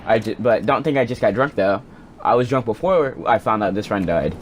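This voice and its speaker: On a budget home microphone with a little hiss or hum, a young man with a lowish, expressive voice speeds through a personal anecdote. He wanders off topic, curses and interrupts himself constantly as a storytelling vlogger.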